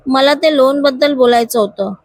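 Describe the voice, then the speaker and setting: Woman reading as an earnest young office worker, pleading, loyal, high voice, dry close sound, storybook reading. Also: normal speed, no echo.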